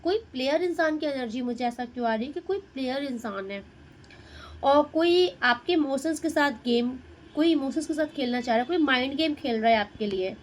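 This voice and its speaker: High-voiced woman giving a tarot reading. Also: animated, normal speed, slight background noise, poor audio. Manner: Hindi-English mix, addresses viewer directly, muses over cards. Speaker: tarot reader.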